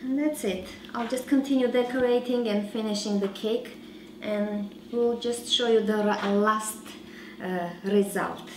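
A woman in her thirties hosting a home cooking show, giving slow, relaxed instructions with frequent fillers while she works. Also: medium pitch, reverberant, a little hiss or hum, low-quality recording. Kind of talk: cooking demonstration. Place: large home kitchen.

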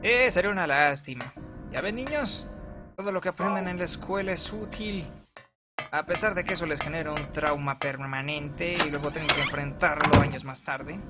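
A man giving jokey live commentary while playing a horror game, shouting at enemies and reading game text aloud. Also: a little high, normal speed, rough recording. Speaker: let's player streamer. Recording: game music loud behind voice. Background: game music.

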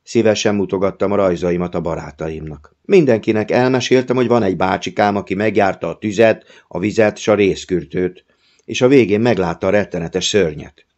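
Very deep-voiced male audiobook narrator. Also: a little mellow, highs cut off.

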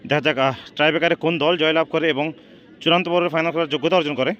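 A man's voice: fairly high pitch, fairly even intonation, very fast, a bit bright, highs cut off. A man gives live football shootout commentary, repeating stock phrases and dropping in English words. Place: outdoors at a local football ground. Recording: outdoor ground with crowd noise. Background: crowd and outdoor noise.

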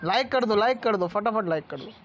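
High-voiced man chatting over game gunfire. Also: expressive, fairly quick, lo-fi sound. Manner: chatty, pleading, frequent viewer appeals. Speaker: gameplay streamer. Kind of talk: casual gameplay commentary. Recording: noisy gunfire from the game behind.

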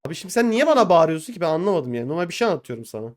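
A man with a high voice talks fast on a voice call with friends. He keeps up a string of teasing banter. His lines come quick and tumbling. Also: sing-song, darkish tone. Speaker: streamer friend. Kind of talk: casual chat on voice call.

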